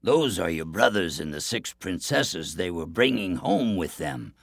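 A man voicing a starving, cunning male wolf who pleads slowly and then speaks knowingly. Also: deep voice, sing-song, gravelly, no echo, studio quality, exaggerated voice.

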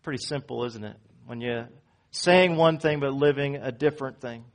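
A man preaching a sermon as pastor in a church, swinging from loud emphatic peaks down to low quiet phrases. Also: normal speed. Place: church sanctuary.

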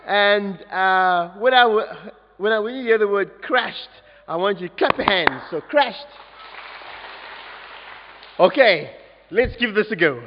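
A man leads an interactive children's story at a church service and cheerfully coaxes everyone to join in. His voice is high and animated, and he speaks slowly. The recording is dull and lo-fi, with a long hall reverb. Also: background noise. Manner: animated, coaxing audience participation. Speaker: youth leader telling a story at a service. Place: large church.

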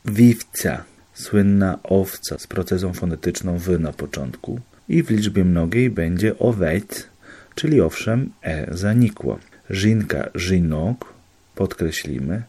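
Low, husky man; student walking peers through examples methodically, lesson style. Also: expressive, takes it slowly, dark tone. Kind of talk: explanatory lesson.

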